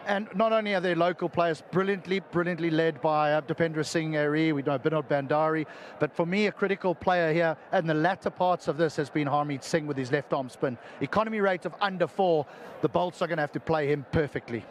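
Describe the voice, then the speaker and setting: A man's voice: on the high side, brisk, slight background noise. A man speaking as a cricket pundit, giving conversational analysis.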